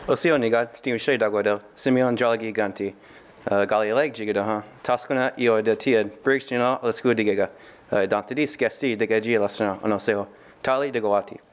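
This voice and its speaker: Man in his twenties, resonant clear voice, reciting his introduction with a few pauses. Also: fairly low pitch, steady tone. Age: 20s. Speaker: bike rider introducing himself.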